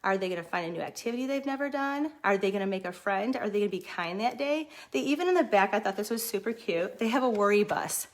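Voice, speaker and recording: A middle-aged woman who runs a daycare, chatting casually and excitedly on a livestream. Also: mid-range voice, fast, few pauses. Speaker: daycare owner.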